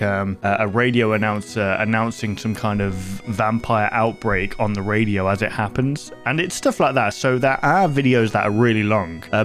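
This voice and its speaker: A man hosting a horror reaction video with casual, chatty, rambling commentary that often interrupts itself. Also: medium pitch.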